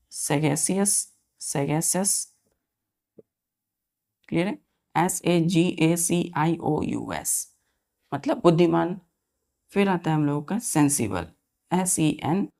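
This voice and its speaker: A woman teaches a vocabulary lesson in an unhurried, deliberate way. Her voice is fairly low with a gravelly edge, and she spells each word letter by letter before checking that her students have understood. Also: mellow. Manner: spells words letter by letter, keeps asking the students if it is clear.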